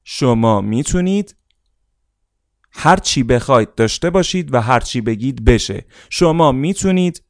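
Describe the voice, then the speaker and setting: A man giving a motivational seminar speech, emphatic and repetitive, often calling on listeners to repeat after him out loud. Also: medium pitch, lively intonation, creaky, no echo, clean studio sound. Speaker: motivational speaker.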